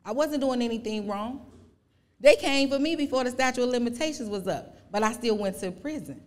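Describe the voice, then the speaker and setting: A woman in her forties answering audience questions as a podcast guest, speaking earnestly with halting restarts. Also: a little high. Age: 40s. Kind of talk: live podcast Q&A, personal testimony.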